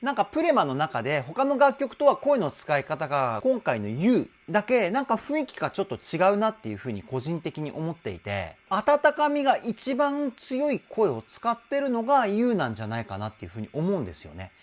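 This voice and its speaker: A man's voice: high-pitched, huge pitch swings, brisk, few pauses. A male vocal trainer giving an enthusiastic, explanatory song analysis and now and then singing short phrases to demonstrate.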